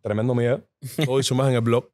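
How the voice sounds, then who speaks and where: A man's voice: mid-range voice, little pitch movement, fast talker, a little mellow. A man, co-hosting a podcast and telling rambling anecdotes in casual chat. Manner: rambling anecdotes with restarts and quoted dialogue. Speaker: podcast co-host.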